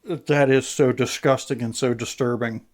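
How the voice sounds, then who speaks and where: Man, podcast co-host, medium-pitched voice, blunt, curses, casual chat. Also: fairly even intonation, normal speed. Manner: blunt, reacts to the story with disgust and cursing. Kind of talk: casual true-crime chat.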